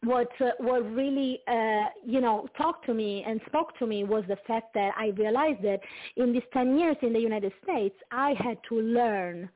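Italian woman on a tinny call line. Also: a little high. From Italy. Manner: halting, many fillers and restarts, light laughs. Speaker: guest singer-songwriter. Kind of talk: casual interview chat. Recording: tinny phone-like call audio.

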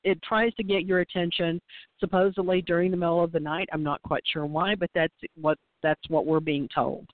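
A woman's voice: fairly low pitch, fairly even intonation, a little fast, no room sound. A woman talking casually and emphatically about spiritual matters in a folksy, joking way, her voice a bit congested from pollen. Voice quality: congested, often clearing throat. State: voice affected by pollen. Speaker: guest intuitive medium and card reader. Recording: muffled phone-like line.

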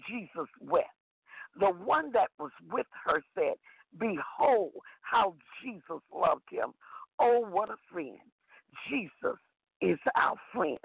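Gravelly-voiced woman preaching over a phone line. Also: mid-range voice, no room sound. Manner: sing-song preaching with recurring refrain. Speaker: prophetess giving a devotional. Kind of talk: scripture reading and devotional preaching. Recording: tinny phone line, dry.

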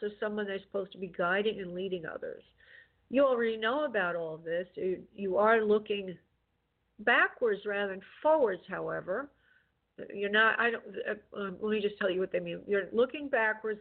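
A woman hosts spirit readings for callers in a gentle, consoling manner, addressing them with affectionate endearments. Her voice sits at a middle pitch. The sound is narrow and tinny, like a telephone line. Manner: gentle, consoling, using endearments like love and honey. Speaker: psychic medium hosting a call-in show. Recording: tinny phone-like call-in audio.

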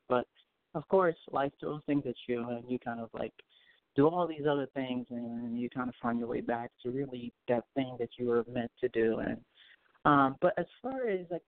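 Guest artist from Haiti, halting delivery, tinny phone line, dry. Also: male voice, mid-range voice, no room sound. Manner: hesitant, many ums and repeated words. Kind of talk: casual interview answers.

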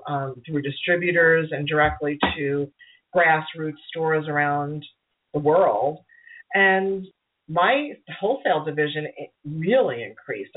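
A middle-aged woman with a Brooklyn accent hosting a call-in show, giving casual spiritual advice in an encouraging, rambling way, often repeating her phrases. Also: sits low. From Brooklyn, New York. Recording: narrow phone-like sound.

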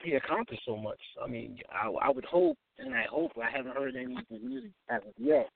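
A man's voice: high voice, wildly swooping pitch, a little fast, vocal fry, slight background noise. Man on a muffled car phone call. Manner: earnest, repeats himself for emphasis. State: driving while on the call. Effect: phone call from a moving car, muffled. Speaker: caller. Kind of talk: casual call-in chat.

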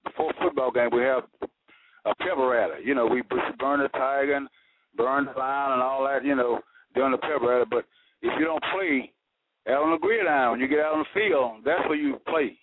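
Calling in to a radio show, a man speaks fairly quickly in a medium pitch. The audio is a tinny phone line with static, and his casual talk is earnest and folksy, peppered with homespun wisdom.

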